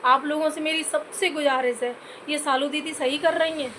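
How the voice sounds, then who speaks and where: High-voiced scolding woman vlogger. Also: steady tone, moderate pace, sharp tone, slight background noise. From Uttar Pradesh, India. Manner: scolding, repeatedly addressing listeners as "bhai"; earnest, pleading for comments. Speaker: YouTube vlogger. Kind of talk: direct-to-camera commentary rant.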